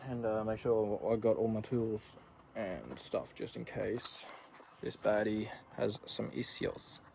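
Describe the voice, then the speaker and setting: A man's voice: on the low side, slow pace, vocal fry, mellow. A man chatting casually to camera in a laid-back, slangy, sweary way, vlogging about his day. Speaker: vlogger, amateur motocross racer. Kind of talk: casual vlog chat, talking to camera. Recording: noisy outdoor vlog, engine and vehicle sounds.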